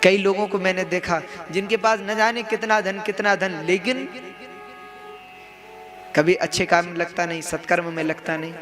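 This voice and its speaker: A young male preacher with a fairly high voice tells a devotional story, posing rhetorical questions to his audience. Instrumental devotional music hums clearly under his words. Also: steady tone, moderate pace. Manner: rhetorical questions, addresses listeners as bhaiya. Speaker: kathavachak (religious storyteller). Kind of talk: devotional katha sermon. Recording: music in the background.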